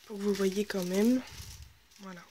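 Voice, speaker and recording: A woman's voice: medium pitch, steady tone, a little slow, mellow, a little hiss or hum. A woman hosting a casual scrapbooking video, chatting and thinking aloud as she works, sometimes dropping into half-whispers. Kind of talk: casual crafting tutorial chat.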